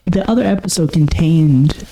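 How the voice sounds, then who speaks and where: A man's voice: fairly high pitch, moderate pace, mellow, a little hiss or hum, rough recording. A man co-hosting a podcast, chatting casually and often stopping to correct himself. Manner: rambling, self-correcting. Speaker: podcast co-host. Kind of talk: casual chat.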